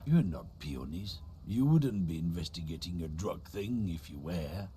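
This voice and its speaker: An actor playing a defiant, thuggish truck driver in a video game, talking in a sneering, combative manner. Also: male voice, low voice, expressive, a little slow, warm tone, a little hiss or hum. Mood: defensive. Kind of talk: dramatic video game dialogue.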